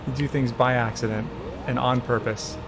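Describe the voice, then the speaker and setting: A man's voice: mid-range voice, noisy background. A man in his twenties streaming, casually coaching a speedrun step by step and laughing often. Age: 20s. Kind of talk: casual gameplay chat.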